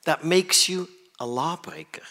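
A man from Switzerland delivers a sermon in a slightly high, sharp-toned voice, speaking a little slowly. He emphasizes his message and repeatedly asks listeners if they understand.

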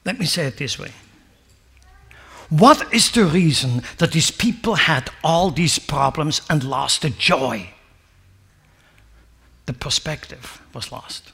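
A male pastor delivers a sermon with a high-pitched, swooping voice. He preaches emphatically and keeps turning to the congregation with rhetorical questions. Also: animated, unhurried, creaky, husky. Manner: emphatic preaching, rising to near-shouts and dropping low.

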